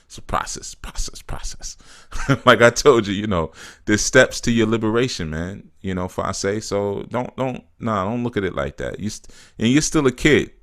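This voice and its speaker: A man with a very low voice talks loosely on a live stream, reading out viewers' comments and answering each one. He laughs often and drops "you know" and "man" into his sentences. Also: animated, moderate pace. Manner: reads viewer comments aloud and answers them. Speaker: spiritual teacher answering live chat.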